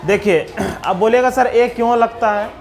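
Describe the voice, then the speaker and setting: A man's voice: very high voice, normal speed, a crowd in the background, noisy background. A man with a Bihari accent teaching young children, patiently spelling out letters and sounds one by one. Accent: Bihari Hindi. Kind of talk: slow classroom explanation for young children.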